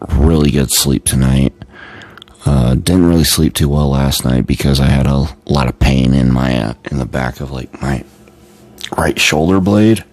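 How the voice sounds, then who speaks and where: Very deep-voiced man chatting tiredly. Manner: relaxed and rambling, with many fillers and restarts. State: tired and yawning. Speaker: Instagram live streamer. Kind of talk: casual live-stream chat.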